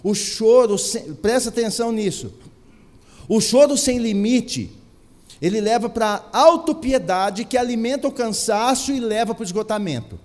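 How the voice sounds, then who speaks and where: A man's voice: very high voice, unhurried, a little mellow. A man preaching a sermon with a Brazilian Portuguese accent, emphatic, asking rhetorical questions and repeating phrases for effect. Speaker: pastor. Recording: long hall reverb.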